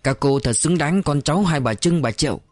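A man's voice: a little high, expressive, fairly quick, darkish tone, no room sound, faint music behind, lightly acted. A man reading as a proud battalion commander.

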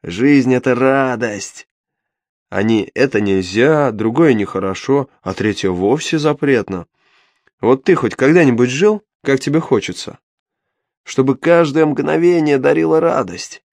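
A man's voice: medium pitch, unhurried, darkish tone, no room sound, voice pushed up, natural voice. A man voicing a sly, mocking male imp with a horned devil's gleeful, taunting manner in an audiobook. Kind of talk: audiobook character voice.

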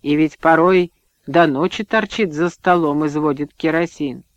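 A man narrating an audiobook in a measured, even reading, in a dull, dry recording. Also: a little high, dry recording. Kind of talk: scripted narration.

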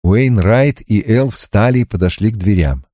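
A man narrating a novel as an audiobook in an expressive, measured reading. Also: lowish voice, dry recording, studio quality.

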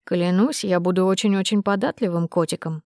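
A woman's voice: mid-range voice, brisk, darkish tone, no echo, clean studio sound, close to an everyday voice. A woman voicing a charming, sly, flirtatious male lord in an audiobook, with a purring, playful manner. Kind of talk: audiobook character reading.

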